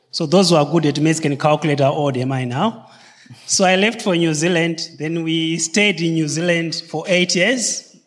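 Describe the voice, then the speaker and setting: A man from Zimbabwe with a notably high voice talks earnestly to a congregation. His words carry a long reverb from a large church hall. He strings his story together step by step. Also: a bit bright. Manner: earnest, chains points with "so" and "and then". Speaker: church member sharing testimony. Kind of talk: casual talk to a congregation.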